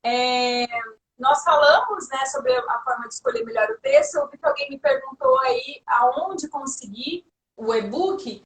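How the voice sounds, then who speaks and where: A woman's voice: high voice, lively intonation, unhurried, fairly bright tone. A woman speaking as a guest on a casual live chat, explaining points and often checking in with a tag question. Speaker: guest storyteller. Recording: roomy and distant from the mic.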